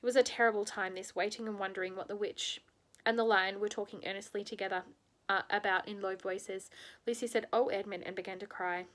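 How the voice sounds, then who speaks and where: A woman's voice: medium pitch, fairly even intonation, a little fast, fairly bright tone. A woman reading a children's novel aloud in a casual, unpolished way, with frequent ums and restarts. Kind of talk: casual read-aloud narration.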